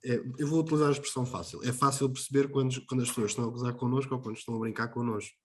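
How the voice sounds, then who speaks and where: A man's voice: medium pitch, little pitch movement, rapid-fire. Hesitant male host, European Portuguese accent. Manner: hesitant, searches for words. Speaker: session host. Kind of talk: moderating a talk session.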